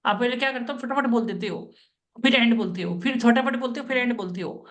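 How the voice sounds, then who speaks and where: A woman with a fairly high voice and an Indian accent coaches a job candidate in Hindi. She repeats her points over and over in a casual, instructive way and laughs often. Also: a little fast. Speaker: interview coach.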